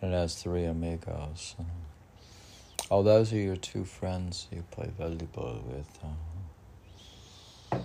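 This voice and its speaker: On his own podcast, a poet rambles between chat and poetry reading in a low, mellow voice with vocal fry. He speaks haltingly, often talking to himself in questions and answers. A little hiss or hum runs underneath.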